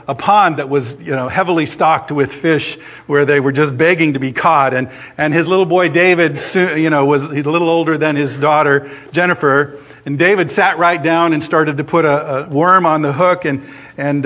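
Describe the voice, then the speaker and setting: Man, middle-aged, sermon, chatty storytelling, slightly high voice. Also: fairly bright tone. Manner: conversational, many restarts and fillers, acts out quoted voices. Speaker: preacher.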